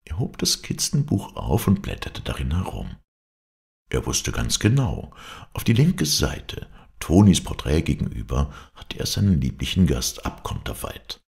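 A man reading a fairy tale aloud as an audiobook narrator, in measured storytelling. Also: very deep voice, gravelly.

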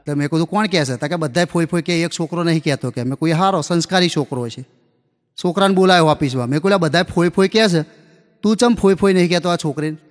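Man, live stand-up comedian, acts out dialogue, high voice, long reverb of a hall. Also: fast. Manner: folksy anecdotal delivery, acts out dialogue. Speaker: stand-up comedian telling school jokes. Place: live comedy stage before an audience.

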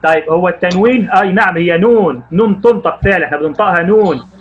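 A man with an Egyptian Arabic accent teaches primary school Arabic to young children online, cheering them on and calling on them by name with questions. His voice is high-pitched, and he draws words out slowly as he reads. The sound is lo-fi.

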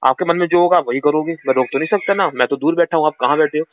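Man, phone call advice, forceful and repetitive, high-pitched, tinny phone line. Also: racing, slight background noise. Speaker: channel host giving advice to a caller.

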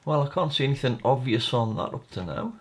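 With an expressive, medium-pitched voice and a brisk pace, a man narrates his own repair work at an indoor bench for a video. He keeps it casual, thinking out loud in a tentative way.

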